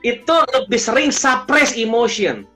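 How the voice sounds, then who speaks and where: A man as a business coach guest in a casual podcast chat, telling lively stories and acting out parents and children. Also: very high-pitched, unhurried, soft background music.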